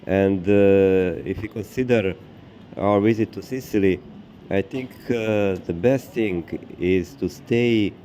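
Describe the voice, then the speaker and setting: A man gives a casual walking tour narration out on a city street. His voice is deep and mellow, and he talks slowly, pausing often on fillers as he searches for words. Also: a little hiss or hum. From Serbia. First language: Serbian. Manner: hesitant, many filler pauses. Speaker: tour guide vlogger.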